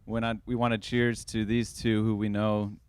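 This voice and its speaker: A man's voice: lowish voice, little pitch movement, normal speed, clean tone. A young man giving an earnest, heartfelt wedding toast as the groom's older brother.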